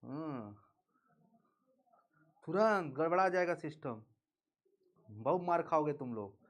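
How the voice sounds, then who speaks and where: Male teacher, slow and deliberate, teasing, runs call-and-response drills. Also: on the high side, expressive. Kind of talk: live online class lecture.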